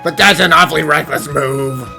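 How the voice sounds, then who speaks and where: A man's voice: on the high side, moderate pace, gravelly, bright, forceful tone, exaggerated voice. A man playing a sceptical, level-headed sidekick in an anime-style fan dub. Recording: voice over faint music.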